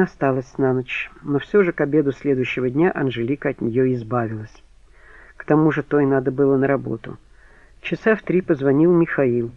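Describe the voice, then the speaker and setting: A man reading a crime novel aloud as an audiobook narrator, steady and even. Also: medium pitch, dry recording. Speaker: audiobook reader. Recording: slightly dull dry recording.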